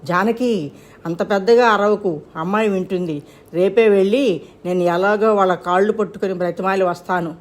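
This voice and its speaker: A woman's voice: mid-range voice, normal speed, close to an everyday voice. A woman voicing a worried, aging retired schoolteacher father who speaks in a pleading, soothing way in a storybook reading.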